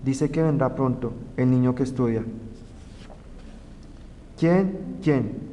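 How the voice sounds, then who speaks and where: A young man from Colombia reads out spelling rules and example words one by one, slow and deliberate like a class presentation. His voice carries a lingering reverb with a faint noise underneath. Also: mid-range voice, fairly even intonation, mellow. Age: young adult. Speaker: student presenter. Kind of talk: reading a grammar tutorial.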